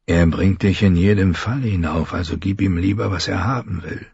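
Gruff scarred bodyguard, read by a man: deep, quiet, curt, husky; dry storybook read. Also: normal speed, dry recording, dull audio, full character voice.

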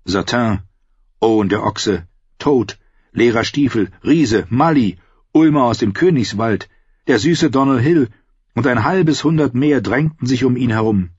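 A man narrating a fantasy story in a steady storytelling manner. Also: medium pitch, a little slow, slightly rough, dry recording, highs cut off. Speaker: audiobook narrator.

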